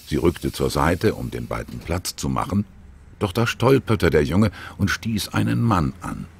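Deep, gravelly male storyteller. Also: big pitch swings, measured pace, slight background noise. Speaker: narrator. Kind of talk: children's audiobook narration.

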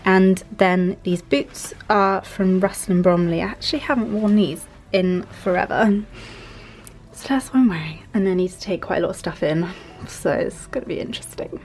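A woman's voice: medium pitch, darkish tone. Chatty young woman vlogging. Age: 20s. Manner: chatty and upbeat, quick laughs, many fillers. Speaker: vlogger and fashion student. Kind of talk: casual vlog chat to camera. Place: student bedroom, indoors.

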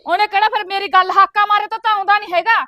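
A woman's voice: very high-pitched, steady tone, rapid-fire, no echo, highs cut off. An actress playing a sly, chatty young married village daughter who coaxes her family with offers of tea, speaking with a Punjabi accent. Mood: coaxing. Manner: fussy, coaxing, endlessly offering tea. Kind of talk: village comedy film acting.

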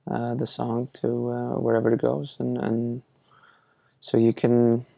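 A young Icelandic musician answers interview questions in a laid-back, hesitant manner, full of fillers and false starts. His dark, gravelly voice holds a flat, even pitch, and he speaks a little slowly. The recording is close and dry, with no echo.

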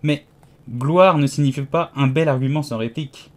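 A man's voice: mid-range voice, normal speed, natural voice. A man reading an audiobook, voicing a polite, curious little girl who asks thoughtful questions.

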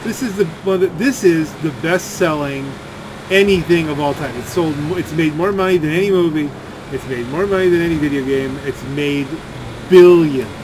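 A gaming video creator with a fairly high voice talks at a moderate pace, rambling through off-the-cuff gameplay commentary in a grumbling, sardonic tone. Game vehicle and gunfire noise come through clearly, with video game driving and shooting sounds behind him.

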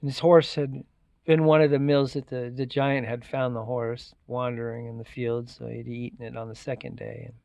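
A man's voice: medium pitch, flat delivery, normal speed, creaky, mellow, no echo. A man retelling a folktale in a loose, chatty way, repeating words for effect and using fillers. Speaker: storyteller. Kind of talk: casual oral retelling of a folktale.

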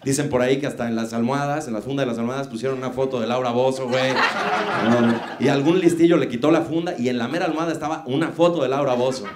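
A man's voice: medium pitch, quick pace, very noisy. A young man with a Mexican accent doing stand-up comedy on a club stage, mocking and teasing the audience in slangy speech. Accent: Mexican Spanish. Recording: echoey club room, crowd audible.

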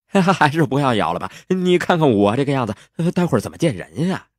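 A man's voice: mid-range voice, sing-song, fairly quick, dry recording, clean studio sound, pitched above the performer's own voice. A man putting on a cheeky teenage sweet-talker. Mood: coy. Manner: flustered, evasive, talking his way out. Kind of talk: audio drama acting.

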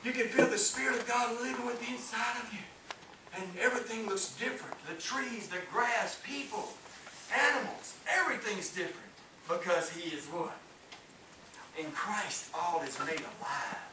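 In a small church hall, a middle-aged man with a voice that sits high preaches at a moderate pace to his congregation, fervent and calling for amens as his delivery rises and falls. The Pentecostal-style sermon is recorded from afar by a camera with no mic visible, echoey with faint hiss.

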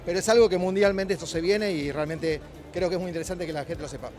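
High-voiced Argentine man explaining at an expo. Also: quick pace, darkish tone, soft background music. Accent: Rioplatense Spanish. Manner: explanatory, many hesitations and restarts. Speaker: company director. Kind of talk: trade-show interview. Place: busy indoor expo hall. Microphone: handheld mic held by interviewer.

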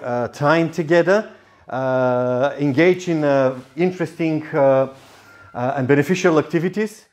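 Hesitant Bulgarian-born man, forties, youth worker welcoming guests, lapel mic. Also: a little high. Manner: hesitant, many fillers and restarts. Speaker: youth coordinator. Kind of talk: welcoming tour talk. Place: indoor office and youth club.

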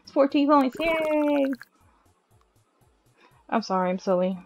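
A woman's voice: high voice, lively intonation, slow pace, darkish tone, faint music behind, rough recording. A young woman commentating her own video game play in a playful, dramatic way, with chants and squeals. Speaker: gaming video host.

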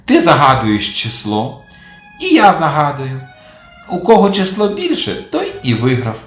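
A clever little male kitten from a children's audio tale, calm and a bit sly, as a storyteller puts him on. He speaks in a raised, measured voice with lively pitch movement. The sound is roomy, with gentle music underneath.

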